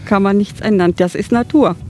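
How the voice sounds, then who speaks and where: A woman's voice: medium pitch, a little fast, a little mellow, slight background noise. A woman chatting casually outdoors as a hiking companion, agreeing readily and adding her own remarks. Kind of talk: casual chat.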